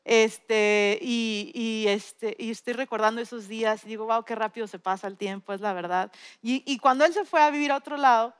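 A woman's voice: fairly high pitch, steady tone, normal speed, clean tone. A woman, preaching in a storytelling way and repeating her key lines for emphasis. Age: 40s. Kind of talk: sermon.

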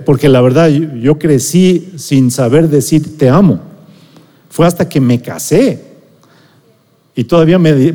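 A middle-aged Mexican preacher tells a personal story to his congregation in a conversational way. His voice sits a little high yet sounds mellow and soft-edged. The sound rings with the long reverb of a large hall. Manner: conversational storytelling, checks in with listeners. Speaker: pastor or preacher.

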